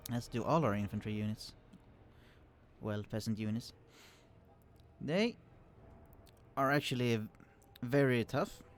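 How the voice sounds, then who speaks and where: Casual gameplay commentary from a let's play host, who walks through the units and tactics of a strategy game in an easygoing way, pausing with fillers and often restarting. His voice is an ordinary middle pitch, recorded quietly to bury the computer hum.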